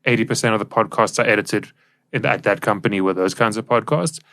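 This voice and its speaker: Fast-talking and lowish in pitch, this South African man sounds pushed and bright as he co-hosts a podcast. He explains things in a casual, informal way on a studio mic in a professional studio.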